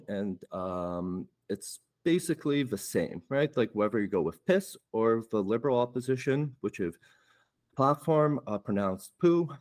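A man from Poland, a first-time interview guest, talks casually in a mid-range, darkish voice. He often finishes his points by tagging them with "right?".

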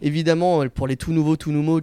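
A man, a guest on a casual podcast outdoors, explaining how he runs comedy nights, animated and full of hesitations. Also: fairly high pitch, fast talker, smooth, dry recording. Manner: animated storyteller, many hesitations. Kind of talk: casual interview chat.

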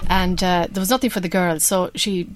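A woman's voice: fairly low pitch, steady tone, a little fast, a little hiss or hum. A woman with an Irish accent speaking casually as a club representative in an interview.

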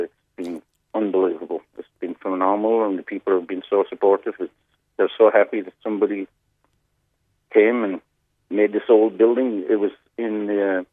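A man with a North Cork Irish accent and an American twang, chatting casually and haltingly as a guest, with repeated words. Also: fairly low pitch, dry recording. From North Cork, Ireland. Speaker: radio phone-in guest, pub owner. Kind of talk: casual chat. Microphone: telephone. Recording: narrow-band radio phone line.

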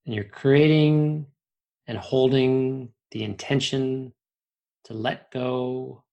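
A man leads a guided relaxation, speaking slow, soothing instructions with long pauses between them. His voice has a gravelly, fry-laced texture at a middle pitch. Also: steady tone, dark tone, highs cut off. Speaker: meditation guide.

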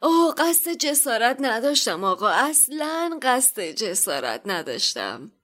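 A woman voicing an obsequious old male shopkeeper in a dark-magic shop, with a smooth oily manner. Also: extremely high pitch, very animated, pitched above the performer's own voice, exaggerated voice. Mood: fawning.

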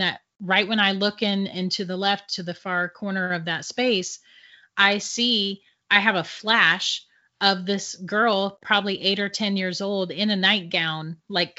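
A woman's voice: medium pitch, pushed and bright. A middle-aged woman, a guest psychic, telling her own stories casually and laughing often. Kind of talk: casual storytelling. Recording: dull lo-fi sound.

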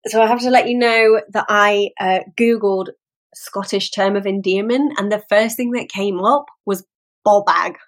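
An English woman with an average-pitched voice hosts an advice podcast as a relationship coach. She talks in a casual, chatty way, swearing and laughing easily. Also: normal speed. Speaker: podcast host and codependency coach. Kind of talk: podcast monologue giving advice.

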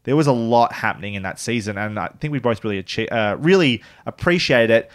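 A man hosting a podcast, chatting casually and reviewing a TV season with quick, joking asides. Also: medium pitch, lively intonation. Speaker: podcast host.

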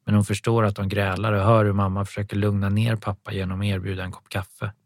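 A man narrating an audiobook in a calm, even storytelling manner. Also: on the low side, no room sound, clean studio sound.

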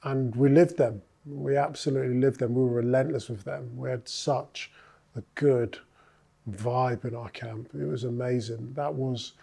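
A man's voice: medium pitch, steady tone, measured pace, gravelly, dark tone, slightly rough. A man, a former rugby player, recounting his career in a casual interview, thoughtful and full of filler sounds.

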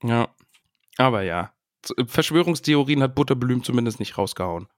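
Guy on a book podcast, average pitch, dry close sound, excited, reads bits out loud. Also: moderate pace, no room sound. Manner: enthusiastic, reads passages aloud with feeling. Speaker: podcast co-host. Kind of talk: casual book discussion podcast.

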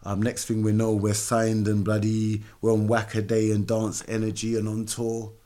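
Dark-voiced South London man, casually storytelling. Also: lowish voice, completely flat delivery, normal speed. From London, England. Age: middle-aged. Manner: informal, slangy. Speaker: music label founder and youth mentor.

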